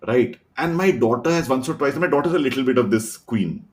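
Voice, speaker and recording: A middle-aged man from India with an Indian accent, a podcast guest telling animated anecdotes full of quoted dialogue. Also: medium pitch, brisk. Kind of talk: casual storytelling chat.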